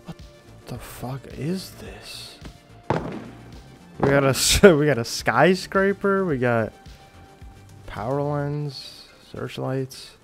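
A man's voice: medium pitch, animated, slow, gravelly, long pauses, music in the background. A young man with a slangy, sweary, exasperated frat-bro manner, doing casual gameplay commentary. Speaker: gaming video host.

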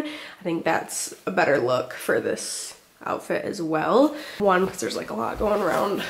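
A young woman in her twenties chatting casually through a clothing try-on, a bit out of breath, filling her talk with "like". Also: lowish voice. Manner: chatty, fillers like "like", upbeat. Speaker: vlogger. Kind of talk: casual try-on haul chat.

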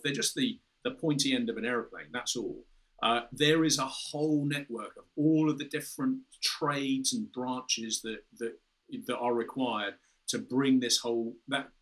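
On a rough recording, a British man in his fifties, formerly a fighter pilot, speaks as a guest on a video call. His medium-pitched voice has a fairly bright tone, and he explains at length with frequent restarts and "you know." He is indoors, in a room with a window and red curtains.

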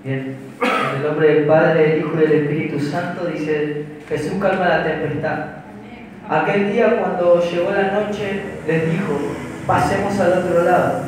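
A young man with a Paraguayan Spanish accent delivers a sermon in a high voice, pausing and restarting phrases as he explains the text. He speaks into a handheld mic at a pulpit in a small church hall, picked up from far back with heavy room echo and faint background noise. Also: steady tone. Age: young adult. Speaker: preacher. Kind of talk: sermon with prayer. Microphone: handheld mic at a pulpit, filmed from far.

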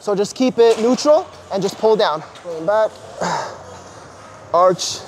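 A man in his thirties, a personal trainer, giving brisk instructions and encouragement while coaching a workout in a large indoor gym on a lapel mic. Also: high voice, expressive, slight background noise.

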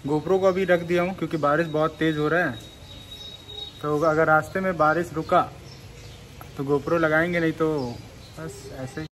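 A man's voice: on the high side, fairly even intonation, moderate pace, pauses often. Chatty young man vlogging on a motorbike. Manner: chatty, joking, laughs often. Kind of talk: casual ride commentary. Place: riding a motorbike on open roads outdoors. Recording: loud road and traffic noise.

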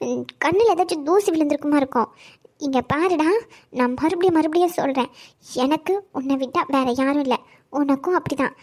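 A woman's voice: high voice, a little fast, darkish tone, no room sound, natural voice. A woman voicing a sulky, fierce young wife in a cartoon drama, reproachful and close to tears. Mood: defiant. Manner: teasing then tearful, reproachful.

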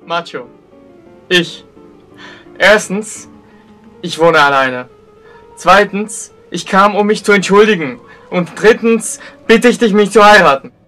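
A man's voice: high-pitched, measured pace, bright, forceful tone, soft background music. A man playing a stubborn blind suitor. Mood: pleading. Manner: pleading, insistent. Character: persistent blind male suitor, stubborn and earnest. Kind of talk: acted short-film dialogue.

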